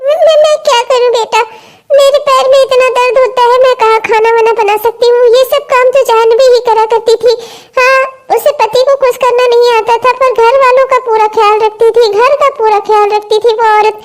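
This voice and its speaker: A fussy old mother-in-law, played by a woman in a cartoon scolds and coaxes her family. Her voice sits extremely high and thin. She talks in a nagging, coaxing tone. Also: steady tone, a little fast, a little hiss or hum. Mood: regretful. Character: doting older mother-in-law, fond of her daughter. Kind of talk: cartoon voice acting.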